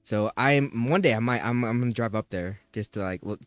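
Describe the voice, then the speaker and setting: A young man hosting a podcast, telling childhood stories in a lively way, laughing and swearing freely. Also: mid-range voice, fairly quick, smooth, dry recording. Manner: animated storyteller, laughing, swearing. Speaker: podcast host. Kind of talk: casual chat.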